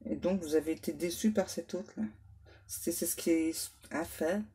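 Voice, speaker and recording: A woman medium giving a relaxed tarot reading to her viewers, reassuring them and tacking little asides onto her sentences. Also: lowish voice, slightly rough. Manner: unhurried, reassuring, full of little "hein" and "ouais" asides; reads English card names aloud. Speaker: medium doing card readings.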